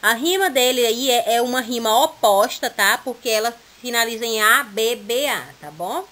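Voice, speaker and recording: A woman's voice: on the high side, sharp tone. A woman with a Brazilian Portuguese accent, teaching a recorded lesson, reading exercises aloud and explaining them patiently, often checking in with her students. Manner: reads exercises aloud, then explains slowly.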